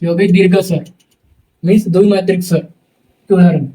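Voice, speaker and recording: A young male teacher giving a lecture, dictating slowly and repeating phrases word by word so students can write them down. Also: sits high, steady tone, warm tone, far from the mic, poor audio.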